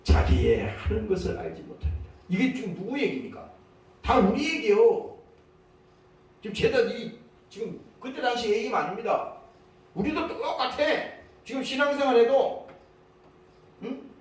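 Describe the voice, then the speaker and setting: Emphatic pastor in an echoey church. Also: male voice, very high-pitched, lively intonation, normal speed, long pauses. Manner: emphatic, prodding the congregation with repeated "eh?". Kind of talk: sermon. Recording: echoey church hall, mic at a distance.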